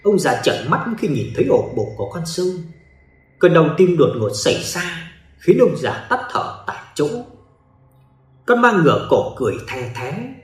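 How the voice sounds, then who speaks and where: A man's voice: a little high, sing-song, normal speed, echoey room. A man giving dramatic scripted narration of a ghost story.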